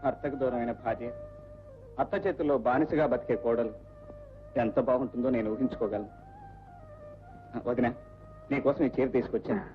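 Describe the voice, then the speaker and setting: A young actor playing an earnest, firm son in an old film. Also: male voice, mid-range voice, steady tone, normal speed, pauses often, natural voice. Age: young adult. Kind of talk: Telugu film dialogue. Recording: dull old film soundtrack with music.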